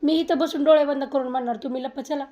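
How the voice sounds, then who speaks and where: Young mom, high bright-toned voice, playful and coaxing with little kids. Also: female voice, fairly even intonation, fast talker, highs cut off. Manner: coaxing, playful, talks sweetly to small children. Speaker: mother playing with her children. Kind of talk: casual family chat.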